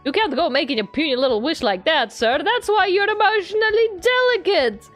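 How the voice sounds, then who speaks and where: A woman voices a cheerful young female student in a visual novel. She is friendly and blunt, with a fairly high, bubbly delivery. Music plays behind her. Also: expressive, quick pace. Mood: teasing. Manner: bubbly, teasing, polite. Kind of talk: visual novel character reading.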